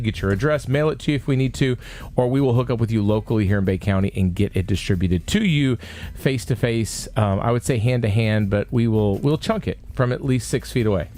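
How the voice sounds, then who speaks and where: A man's voice: on the low side, darkish tone. A man hosting a casual talk show, joking and bantering with his guests. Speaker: show host. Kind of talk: casual chat.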